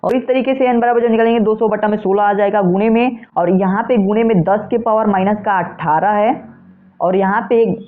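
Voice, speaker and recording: A man's voice: high-pitched, fairly even intonation, moderate pace. Man teaching with a tinny phone-like sound. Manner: asks rhetorical questions, then answers them himself; repeats steps, with frequent "theek hai" checks. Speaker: physics teacher. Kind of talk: step-by-step exam lesson.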